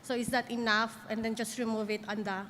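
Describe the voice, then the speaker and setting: A woman's voice: fairly high pitch, little pitch movement, fast talker, noisy background. A woman in the audience asks the panel a tentative question, seeking reassurance. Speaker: audience member asking a question. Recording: distant mic in a reverberant hall.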